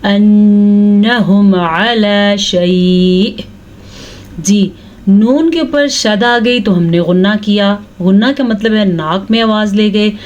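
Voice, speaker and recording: Woman tajweed teacher, slow careful explaining, drags out the verses when she chants them. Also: mid-range voice, a little mellow, highs cut off. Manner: patient, explains each rule step by step, checks in with "theek hai". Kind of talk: recitation lesson with slow drawn-out chanting of verses.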